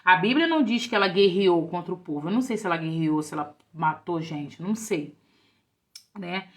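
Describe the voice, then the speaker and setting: A woman's voice: lowish voice, animated, fairly quick. A middle-aged woman giving an informal devotional talk to women, conversational, often checking in with her listeners. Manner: conversational, keeps asking "né?" and addressing "meninas". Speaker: women's ministry preacher.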